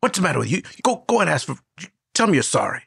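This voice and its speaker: A man's voice: on the high side, sing-song, fast, creaky, a bit bright, husky, no room sound, clean studio sound, voice pushed up, full character voice. A man voicing his stern father scolding him as a boy. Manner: scolding, firm.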